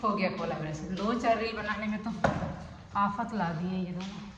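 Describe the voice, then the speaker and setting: A woman's voice: medium pitch, moderate pace, dull audio, noisy background. A young woman and mother chatting casually in a home vlog while coaxing and scolding her small children. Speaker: vlogger and mother.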